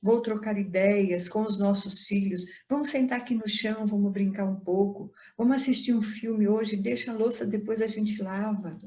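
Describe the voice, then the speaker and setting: A middle-aged woman speaks in a calm, reflective way, gently explaining as she gives an online Spiritist lecture. Her voice is mellow and warm. It sounds like she is in an echoey room. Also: medium pitch. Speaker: guest speaker at a Spiritist center.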